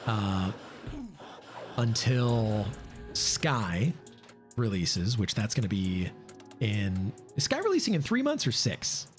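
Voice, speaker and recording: A man's voice: lowish voice, big pitch swings, takes it slowly, pauses often, soft background music. A man streaming live gameplay, chatting casually, thinking aloud and answering chat with lots of fillers. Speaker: game streamer.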